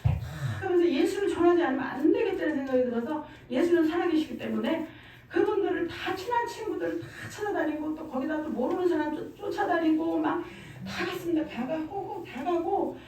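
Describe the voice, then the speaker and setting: A woman's voice: extremely high pitch, animated, a little fast, darkish tone, a little hiss or hum. A middle-aged woman giving a fervent church testimony, emphatic and repeating her phrases. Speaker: testimony speaker. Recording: very echoey room, far from mic.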